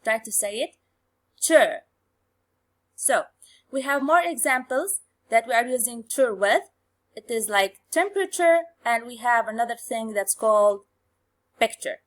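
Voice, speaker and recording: A woman teaching English phonics in a bilingual lesson. She explains slowly and repeats key terms. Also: on the high side, lively intonation. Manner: slow, repetitive explanation, switching to quick colloquial Arabic recaps.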